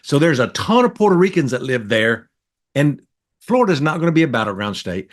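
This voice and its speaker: A man's voice: mid-range voice, very animated, brisk. A middle-aged man, talking politics in a blunt, folksy way as a podcast co-host. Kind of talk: casual political chat.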